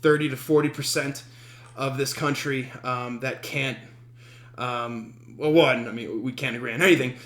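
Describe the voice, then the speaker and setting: A man from Denver hosting his podcast, telling a story in a casual, halting way full of ums, with a wry, self-amused humor. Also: mid-range voice, steady tone, fairly bright tone, roomy sound. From Denver, USA. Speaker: podcast host.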